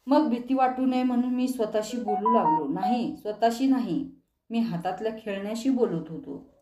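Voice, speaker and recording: A woman's voice: a little high, lively intonation, normal speed, reverberant, over loud music, lightly acted. A woman voicing a shaken, exhausted man recalling a vision. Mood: haunted.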